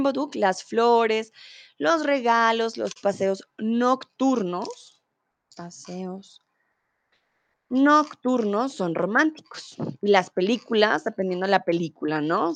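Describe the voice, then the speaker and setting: A young adult woman teaching a live online Spanish lesson, reading out chat comments, explaining words slowly and clearly and laughing easily. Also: mid-range voice, no room sound.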